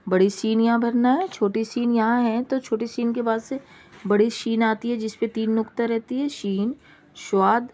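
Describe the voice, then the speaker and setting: A woman's voice: on the high side, darkish tone. A woman teacher giving a patient classroom lesson, reading letters out one by one and explaining each step.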